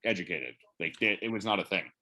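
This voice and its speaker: Guy in his late 20s, blunt and sweary, casual podcast chat, lively. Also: low voice, quick pace. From Canada. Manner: blunt, swears freely, animated. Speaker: podcast guest.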